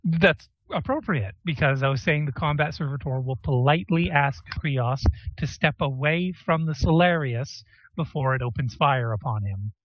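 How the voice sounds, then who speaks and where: A man running a tabletop game as game master, explaining rules and pausing to look them up. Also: fairly high pitch, no room sound, lo-fi sound. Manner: explains rules while looking them up, many pauses.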